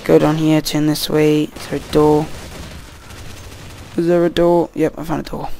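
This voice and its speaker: A tired young man talks through a shooter match in a slightly high voice, rambling and easily sidetracked, cursing whenever the game goes wrong. He is recorded at home on a computer mic with a faint hiss underneath. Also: flat delivery, normal speed, gravelly, warm tone. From Wales. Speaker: gameplay commentator. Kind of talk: casual gameplay commentary.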